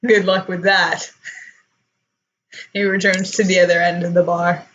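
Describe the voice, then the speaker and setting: A woman's voice: lowish voice, measured pace, muffled recording. A woman running a tabletop game as game master, narrating scenes casually. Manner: casual, relaxed narration with fillers.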